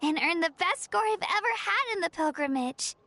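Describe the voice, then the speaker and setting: A woman's voice: very high-pitched, lively intonation, normal speed, pushed and bright, heavily acted. An actress voicing a cheerful, earnest young girl companion in a game, sweet and encouraging with a little shyness. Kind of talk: game character dialogue. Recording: game dialogue under background music.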